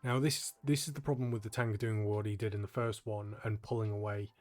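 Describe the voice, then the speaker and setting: A tired, yawning young man hosts a gaming channel, offering casual gameplay guide commentary. His voice is on the low side and brisk, and his relaxed, explanatory manner is full of ums.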